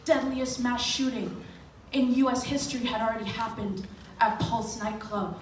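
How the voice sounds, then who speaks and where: A woman's voice: a little high, flat delivery, moderate pace. A young adult woman from Miami giving a public comment at a board meeting, earnest and pointed, with frequent fillers. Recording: echoey hall, from far off, noisy.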